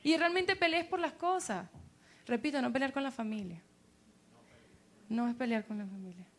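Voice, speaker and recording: A woman pastor preaches a sermon in a high voice. She talks in an animated way and drops her voice low when she acts out people's doubts. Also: moderate pace.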